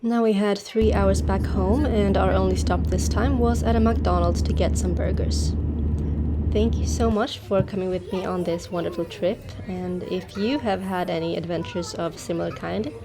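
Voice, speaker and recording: A woman's voice: mid-range voice, moderate pace, background noise. A young woman from Sweden, telling the story of her trip in a chatty, upbeat vlog voice-over. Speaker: travel vlogger.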